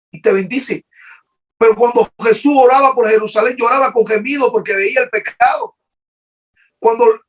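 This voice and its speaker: A man's voice: extremely high pitch, fairly bright tone. A man preaching an emotional sermon as pastor, fervent and repetitive, often restarting his sentences.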